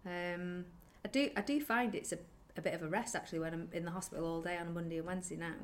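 A young woman co-hosting a podcast, chatting casually and laughing often. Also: lowish voice. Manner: chatty, giggly, quick to laugh. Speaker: podcast co-host. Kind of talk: casual chat.

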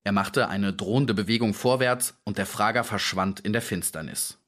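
A man reading an audiobook aloud with expressive storytelling. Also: on the low side, moderate pace. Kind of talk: audiobook narration.

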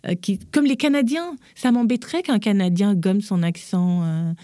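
A woman's voice: medium pitch, moderate pace, dry recording, clean studio sound. A young woman from Gabon, a podcast guest, telling her life story with candor and acting out the people she quotes. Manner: lively, acts out quoted voices. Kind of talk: candid personal storytelling.

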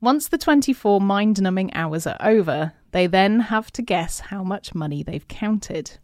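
A woman's voice: medium pitch, animated, a little slow, darkish tone, no room sound. Woman podcast host, laughs a lot, reads notes, dead dry sound. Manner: giggly, laughs often. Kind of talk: reading notes mixed with casual chat.

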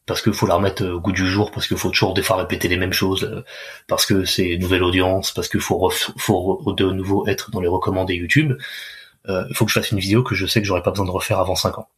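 A man's voice: deep voice, little pitch movement, fast talker, fairly bright tone, breathy edge. A man working as a fitness coach, talking casually in an interview, loose and chatty with many restarts.

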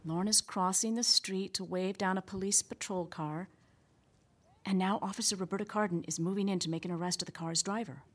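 A woman playing an excitable amateur camerawoman in a sitcom radio play, talking in breathless running commentary. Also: medium pitch, a little fast, natural voice. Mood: excited commentary. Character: excitable woman filming a stakeout.

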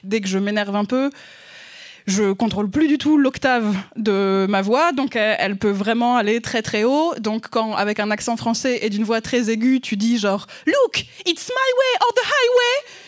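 French woman guest, self-deprecating, halting, higher register. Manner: hesitant, self-mocking, full of fillers. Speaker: guest writer. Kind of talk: casual chat.

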